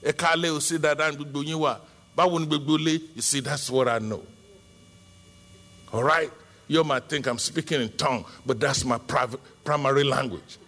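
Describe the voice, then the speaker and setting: This middle-aged Nigerian pastor, whose first language is Yoruba, preaches a sermon in a fairly high, steady voice at a brisk pace. He breaks out into emphatic bursts of shouting.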